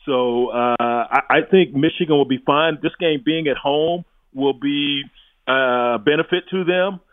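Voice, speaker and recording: A man's voice: fairly high pitch, a little slow, no echo. A man, a college football analyst, giving emphatic, blunt opinions as a guest on sports talk radio. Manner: emphatic, blunt, with restarts and chuckles. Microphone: phone line into studio. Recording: tinny phone line, dry.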